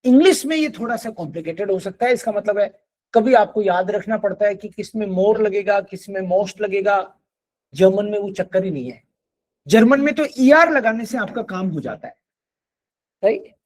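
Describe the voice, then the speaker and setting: A man's voice: high-pitched, lively intonation, moderate pace, poor audio. A man teaching a German class, patiently explaining grammar and mixing in English words. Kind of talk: classroom lecture.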